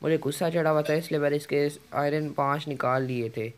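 A man's voice: fairly high pitch, steady tone, smooth. A man commentating his own gameplay, urgently repeating words as he plays. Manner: urgent, repeats words rapidly while playing. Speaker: gaming YouTuber.

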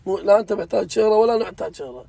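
A man's voice: high-pitched, expressive, rapid-fire, creaky, dark tone. A man, chatting earnestly and insistently with a friend inside a car. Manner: earnest and insistent, swears he means it. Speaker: vlog host. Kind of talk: casual chat.

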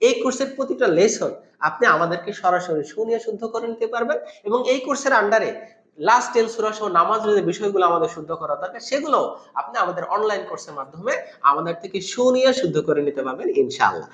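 Fast, high-voiced man pitching a course. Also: lively intonation, fairly bright tone. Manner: brisk sales pitch. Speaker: course promoter. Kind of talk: quick course promo. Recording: echoey room.

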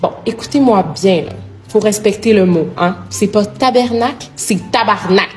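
A woman's voice: mid-range voice, normal speed, dark tone. A woman with a Québécois French accent explaining her slang in teasing, exasperated comedy skits. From Quebec. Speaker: comedy TikToker. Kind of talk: comedic skits about language. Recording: music bed under voice.

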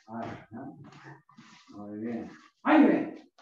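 In a small matted dojo at home, a middle-aged man leads a karate class, shouting counts and short drill orders like a coach. He speaks slowly in a slightly high voice with big pitch swings. The far-off camera gives a dull, echoey room sound with faint noise.

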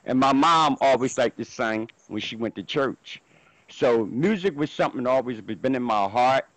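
A middle-aged guest musician from Philadelphia, USA, gives a casual interview on a video call from a room at home using an earphone headset. His medium-pitched, slightly bright voice moves at normal speed as he rambles and repeats himself, and the sound is dry and close with no room echo.

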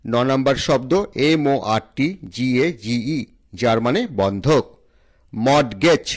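A man's voice: medium pitch, unhurried. A man with a Bengali accent hosts a pronunciation lesson, spelling English words letter by letter and then repeating the correct form. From India. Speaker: English teacher and channel host.

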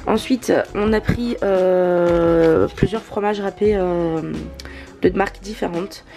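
A woman vlogger talking casually through a shopping haul, pausing often with hesitant fillers. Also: on the low side, steady tone, dark tone, faint music behind. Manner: chatty, many hesitant fillers.

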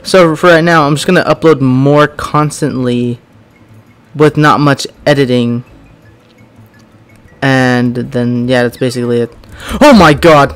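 A young man rambling through casual gameplay commentary, full of "like"s, with bursts of yelling. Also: medium pitch, steady tone, a little slow, pauses often, clean tone, soft background music. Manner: rambling, many "like"s, bursts of yelling while racing. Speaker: gaming YouTuber.

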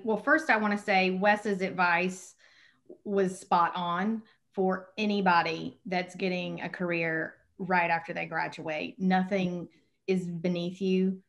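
A woman's voice: on the low side, fairly bright tone. A woman speaking frankly as a panelist on a video call.

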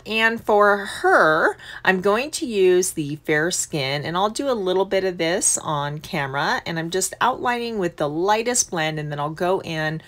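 A middle-aged woman hosts a casual crafting tutorial for her craft channel, explaining each step in a chatty, upbeat voice-over. Her voice is lowish with a fairly bright tone.

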